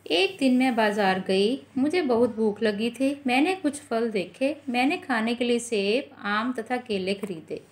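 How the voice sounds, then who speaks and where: A woman's voice: a little high, expressive. A woman teacher giving a recorded grammar lesson to children, spelling words out sound by sound. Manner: slow, syllable-by-syllable dictation. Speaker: school teacher.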